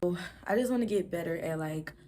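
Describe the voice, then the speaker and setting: Young woman, twenties, lowish voice, casual vlog chat, fast rambling, filler-heavy. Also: dark tone. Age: 20s. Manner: fast rambling talk, stumbles over words; many "like" fillers. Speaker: vlogger.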